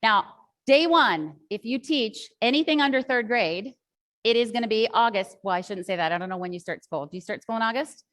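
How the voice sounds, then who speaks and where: A woman's voice: fairly high pitch, lively intonation, a little fast, fairly bright tone. A woman teacher trainer giving a workshop talk to other teachers, telling a classroom story in a chatty, rambling way with many asides.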